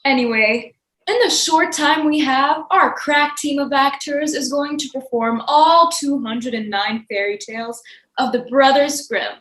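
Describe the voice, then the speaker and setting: A woman's voice: high voice, unhurried, a bit bright, reverberant, low-quality recording. A young woman narrating a school fairy-tale play over video call in a theatrical, announcing way.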